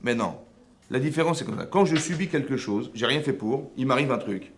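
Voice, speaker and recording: Animated rabbi teaching a class. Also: male voice, mid-range voice, brisk, a little hiss or hum. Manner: animated, rhetorical questions, frequent checks on understanding. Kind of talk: lively religious lesson with questions to the audience. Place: seminary classroom.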